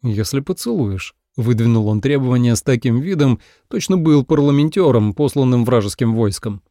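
A man narrating an audiobook in a wry, expressive storytelling manner. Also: mid-range voice, brisk, no echo, studio quality.

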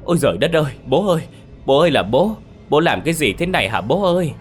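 A man voicing a panicked young man who wails and begs for help in a high, strained voice. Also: big pitch swings, quick pace, soft background music. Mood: panicked wailing. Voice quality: shrill, wailing.

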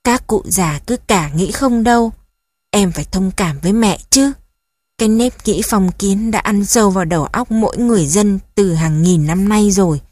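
A woman's voice: mid-range voice, moderate pace, a little mellow, no room sound, close to an everyday voice. A woman voicing a young husband who lectures and snaps at his wife. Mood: stern. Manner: stern, lecturing. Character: young husband, irritable and stern.

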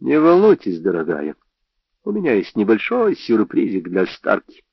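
A man's voice: fairly low pitch, wildly swooping pitch, moderate pace, vocal fry, dry recording, full character voice. A man doing a scornful tough-guy detective. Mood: commanding. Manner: sneering, goading delivery. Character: cocky male private eye, brash and scornful. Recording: dry, slightly dull audio.

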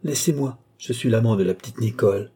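A man's voice: fairly low pitch, a little fast, mellow, slightly rough. A man voicing an old duke and marshal in an audiobook, sly and teasing, with a lightly threatening, knowing tone. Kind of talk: audiobook reading.

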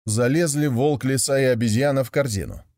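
A man narrating a fairy tale aloud in a steady, measured storytelling voice. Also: mid-range voice, no echo, studio quality.

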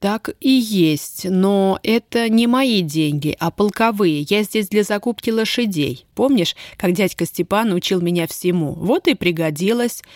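A woman's voice: medium pitch, lively intonation, measured pace, few pauses, a little mellow, no echo, studio quality, lightly acted. A woman reading an audiobook, voicing an earnest young male army officer who pleads in love and speaks steadily. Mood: pleading. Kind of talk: audiobook character voice.

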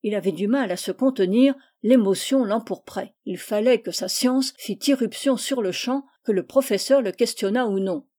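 Mellow-voiced woman reading a comic novel. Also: on the high side, moderate pace, hardly any pauses. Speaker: audiobook reader. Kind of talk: reading a humorous novel aloud.

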